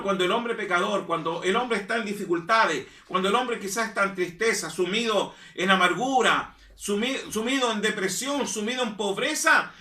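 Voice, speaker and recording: A pastor preaching in a high, bright, ringing voice, repeating his lines for emphasis. He sits back from the microphone in an echoey church hall. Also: far from the mic. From Chile. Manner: emphatic preaching, repeats phrases, calls listeners "hermano". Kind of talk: sermon. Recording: echoey room, voice from off-mic.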